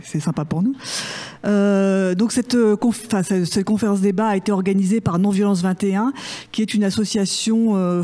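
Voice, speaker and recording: A woman's voice: medium pitch, mellow. A woman moderating a public debate in a bar, introducing the organizers and the guest in a hesitant way. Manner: hesitant, many fillers and restarts. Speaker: event moderator. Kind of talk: conference introduction.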